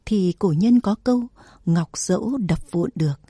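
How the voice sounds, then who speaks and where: Proud woman warlord read by a woman, solemn, low and mellow, dry close sound. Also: moderate pace, breathy edge, no echo. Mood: defiant. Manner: defiant, solemn speech. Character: proud fearless woman general of old. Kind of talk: storybook narration.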